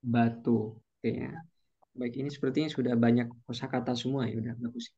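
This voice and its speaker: A man's voice: medium pitch, level tone, warm tone, husky, dull audio. Patient male Arabic teacher on a call. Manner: patient, stretches out Arabic phrases slowly. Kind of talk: online class teaching.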